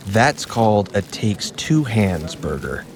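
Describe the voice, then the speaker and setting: A man's voice: lowish voice, big pitch swings, takes it slowly, a crowd in the background. Punchy man reading a burger ad. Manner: punchy, salesy. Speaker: ad announcer. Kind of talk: commercial read.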